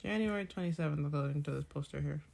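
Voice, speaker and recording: Low, gravelly young woman. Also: fast, a little mellow. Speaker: podcast co-host. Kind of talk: casual chat.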